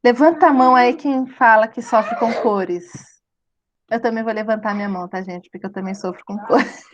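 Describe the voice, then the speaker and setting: A woman's voice: fairly high pitch, moderate pace, highs cut off, a little hiss or hum. Chatty woman teaching art. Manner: chatty, laughing, self-deprecating asides. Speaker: drawing teacher. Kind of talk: live online art class.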